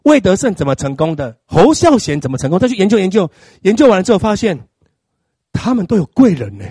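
A middle-aged man preaching a sermon, acting out little scenes in an animated way. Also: sits high, fast, slightly rough, dry recording, clean studio sound. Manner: animated, acts out scenes with exaggerated crying.

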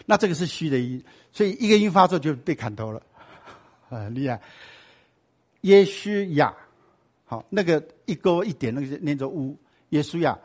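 A man gives a sermon-style Bible lesson in a fairly high voice. He teaches in a lively way, keeps asking his listeners rhetorical questions, and slips English and Hebrew words into his talk. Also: a little fast.

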